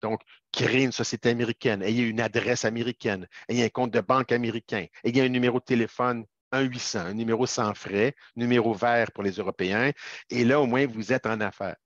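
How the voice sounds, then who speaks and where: A man's voice: mid-range voice, steady tone, fairly quick, no room sound. A man from Quebec with a Québécois French accent, explaining business matters in a chatty webinar, peppering his talk with tag words and direct asides to the audience. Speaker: webinar presenter, business lawyer. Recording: dull lo-fi webinar audio.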